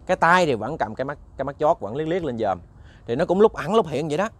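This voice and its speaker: Here a host with a Southern Vietnamese accent tells a ghost story at a quick pace, his voice a little high and very animated. He addresses listeners directly in a chatty way, often repeating words as he gropes for the next one.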